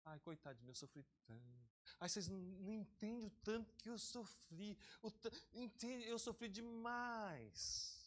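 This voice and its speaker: A man's voice: sits high, expressive, normal speed. A man putting on the voice of a whiny, self-pitying person who keeps complaining about how much they suffered.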